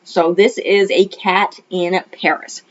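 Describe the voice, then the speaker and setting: At home in Arizona, a middle-aged woman, a retired librarian and homeschool mom, rambles through a casual film review with many ums and restarts, her voice still a little off from a cold. She speaks slowly and steadily in a fairly low voice, over dull lo-fi audio with slight hiss or hum.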